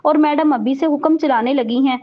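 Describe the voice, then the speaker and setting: A stern young husband with a harsh, curt way of talking, as a woman reads him out. The voice sits high and a little removed from the mic, and the recording is dull and lo-fi. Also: normal speed, lightly acted.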